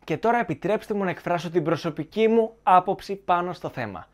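A man giving opinionated film commentary to viewers, arguing his points in a sarcastic, argumentative way. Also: sits high.

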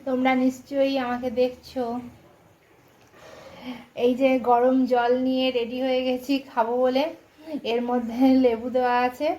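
Soft-spoken, chatty Bengali woman vlogging at home. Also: sits high, little pitch movement, normal speed, pauses often, low-quality recording. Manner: soft-spoken, chatty, talking quietly so as not to wake the household. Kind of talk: casual home vlog chat. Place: home in the early morning.

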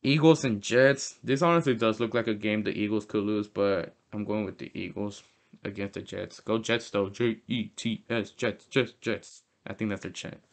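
A young man with a fairly low voice talks through his football picks in a loose, casual way. He corrects himself mid-sentence and banters like a fan. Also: steady tone, moderate pace, gravelly. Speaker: host. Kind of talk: casual sports prediction talk.

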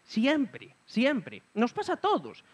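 A man's voice: very high voice, wildly swooping pitch, takes it slowly, breathy edge. A man giving a reflective conference talk, often checking in with his listeners with a questioning hum. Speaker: speaker at a talk.

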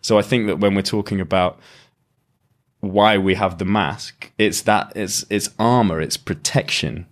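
A man's voice: fairly low pitch, fairly even intonation, measured pace. A man, a lyricist, talking reflectively as a podcast guest and explaining his ideas at length with frequent restarts. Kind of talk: reflective conversational interview.

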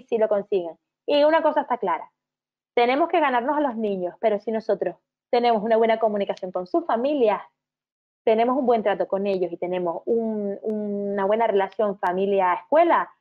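A woman with a Canarian Spanish accent, in her thirties, giving an online lecture to teachers and parents, breaking into warm, sing-song quotes of how to talk to children. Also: medium pitch. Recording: tinny phone-like sound.

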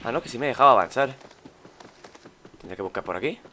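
Young Spanish let's player, chatty and exclamatory, bright mid-pitched voice. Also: male voice, lively intonation, quick pace, slight background noise. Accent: Spain. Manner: chatty, exclaiming, mutters while searching. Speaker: gaming YouTuber. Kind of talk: let's play commentary.

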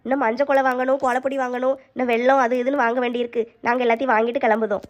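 A woman with a southern Tamil accent playing a brisk, haggling aunt in a family skit. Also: fairly high pitch, flat delivery. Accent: southern Tamil Nadu. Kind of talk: family comedy skit acting.

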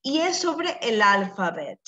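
Woman, teacher, patient, repeats words, slightly high voice, bright tone. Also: very animated, takes it slowly, highs cut off. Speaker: English teacher. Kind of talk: bilingual classroom lesson.

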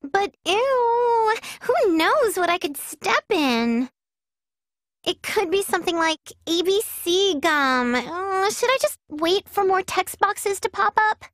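Anime game lead: scatterbrained teen girl, squeaky-high, wildly animated, cheeky and slangy. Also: slow pace, no room sound, studio quality, exaggerated voice. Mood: cheeky, bored. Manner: breezy, slangy, dramatic. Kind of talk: scripted anime game voice acting. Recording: loud music under the voice.

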